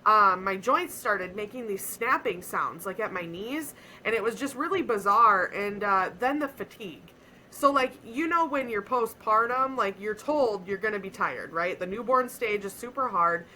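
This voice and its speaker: A young adult woman on a podcast, earnestly telling a personal story in a casual, animated way with frequent fillers. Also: medium pitch, a little hiss or hum, low-quality recording. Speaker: podcast co-host.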